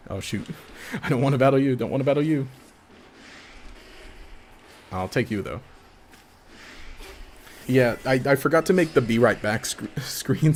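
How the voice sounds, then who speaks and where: A man's voice: mid-range voice, slight background noise. A man casually commenting on his own gameplay during a live stream, rambling, laughing often and trailing off mid-sentence.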